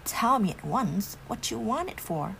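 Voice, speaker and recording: A woman's voice: fairly high pitch, expressive, unhurried, gravelly, fairly bright tone, a little hiss or hum, exaggerated voice, low-quality recording. A woman voicing a brash, cheeky young soldier in a whispered role-play storybook reading.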